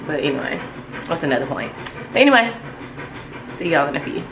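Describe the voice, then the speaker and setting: Young woman, low voice, rambling casual vlog chat, faint washing machine hum behind. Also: sing-song, a little fast. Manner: chatty, rambling and upbeat, with many fillers. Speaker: vlogger. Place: home with a washing machine running. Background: washing machine noise.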